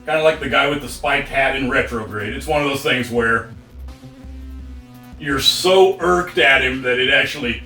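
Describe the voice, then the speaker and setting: Rambling, profane podcast co-host, bright tone, distant roomy mic. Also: male voice, mid-range voice, moderate pace. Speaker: podcast co-host reviewing movies. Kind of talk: casual chat. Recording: roomy sound from a distance, faint music.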